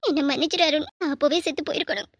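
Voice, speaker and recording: Woman voicing a grieving young wife, tearful pleading, quick talk, dry close sound, cartoon drama. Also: high-pitched, no room sound, lightly acted. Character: young married woman, grieving she cannot bear a child.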